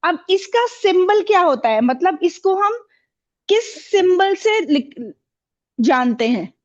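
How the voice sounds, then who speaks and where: A woman's voice: very high voice, sing-song, takes it slowly, dull audio. A woman teaching a classroom, asking the pupils questions and repeating their answers with encouragement.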